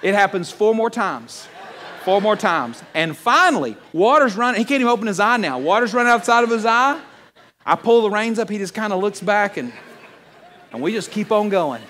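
A man preaching a sermon, mixing a funny personal story with scripture, animated and laughing at his own punchlines. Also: sits high, moderate pace, slight background noise. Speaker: pastor.

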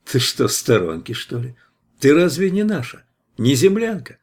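A man reading an audiobook voices a steady, tough hero who interrogates a captive in a firm, measured way. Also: mid-range voice, voice pushed up. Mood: pressing.

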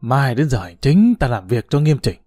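A man's voice: medium pitch, big pitch swings, moderate pace, mellow, dry recording, studio quality, soft background music. A man voicing a proud, teasing old retired official who talks in a boastful, bureaucratic way. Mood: smug.

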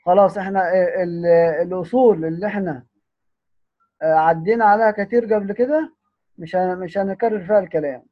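A high-pitched man with an Egyptian accent teaches the readings of the Quran. He lingers over each recited word, then hurries through his points with frequent restarts. The recording is narrow and tinny, like a phone line. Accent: Egyptian Arabic. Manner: drawls recited words slowly, then explains quickly with many restarts. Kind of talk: teaching the ten readings, alternating recitation and explanation.

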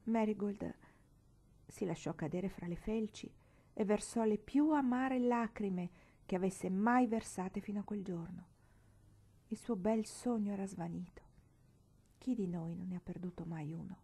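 A woman reading a classic novel aloud with expressive, emotive narration. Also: mid-range voice, unhurried, breathy edge. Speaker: audiobook reader.

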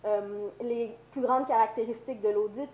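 A woman with a Quebec French accent presents at a conference while down with the flu. Her voice sits on the high side, and she talks conversationally, feeling her way through explanations with colloquial turns. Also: fairly even intonation, normal speed, narrow, tinny audio. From Quebec, Canada. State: has the flu. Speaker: university lecturer and researcher.

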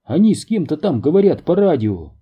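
A man reading an audiobook, voicing a chatty, excitable young woman lab worker who gossips insistently. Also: high-pitched, a little slow, breathy edge, highs cut off, voice pushed up, full character voice. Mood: excited.

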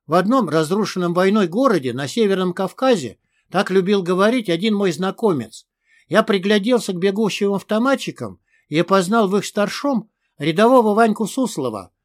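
A man reading a first-person audiobook in a tough, gruff manner. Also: high voice, animated, normal speed. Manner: tough, gruff with crude curses in dialogue. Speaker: audiobook narrator.

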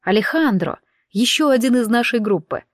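A woman narrating a first-person audiobook in an expressive, conversational way. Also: fairly high pitch, moderate pace, no echo, clean studio sound.

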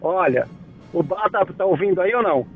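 A man's voice: high-pitched, animated, normal speed, faint music behind. A man calling in to a radio show over the phone, chatting in a friendly, reminiscing way about an old school friend. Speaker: caller. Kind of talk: casual chat. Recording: tinny phone line.

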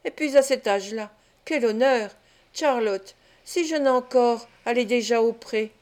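A scheming old man, a receiver of stolen goods, gleeful and sly, who mocks and cackles as he talks, read by a woman in an audiobook. The voice sits a little high. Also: moderate pace, a little mellow, lightly acted. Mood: gloating. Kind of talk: audiobook character reading.

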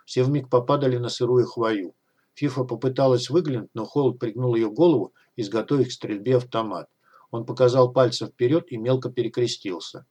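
Husky male audiobook narrator. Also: medium pitch. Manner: steady, measured reading. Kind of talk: scripted narration.

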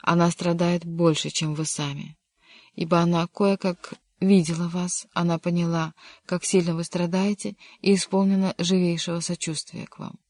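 A grave, loyal servant consoles his master in low, subdued tones, as an audiobook reader puts him on. The delivery is flat and measured, recorded dry and close. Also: no room sound, lightly acted. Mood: consoling. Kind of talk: audiobook reading.

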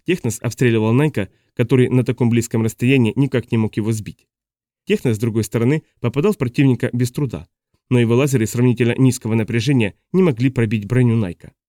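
A man narrates an audiobook with steady, even storytelling. His voice is dark and relaxed, and the recording is dry and close with no room echo. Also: mid-range voice, quick pace. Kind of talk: scripted narration.

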